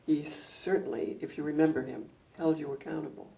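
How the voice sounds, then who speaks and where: Gravelly older woman speaking from a distance. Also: low voice, fairly even intonation, dark tone. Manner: anecdotal, measured, with frequent ums. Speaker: former school principal. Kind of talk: reminiscing talk at a community gathering. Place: library meeting room. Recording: distant mic.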